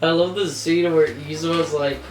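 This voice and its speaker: A drunk man casually retelling a movie, halting and leaning on the same stock phrases again and again. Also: fairly high pitch, fairly even intonation, noisy background. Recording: roomy, distant mic, faint music.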